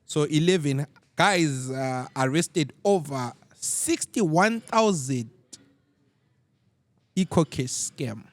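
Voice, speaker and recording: A man co-hosting a casual podcast, measured and deliberate when recapping stories. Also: fairly high pitch, lively intonation, dry recording. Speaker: podcast co-host. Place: lounge podcast set.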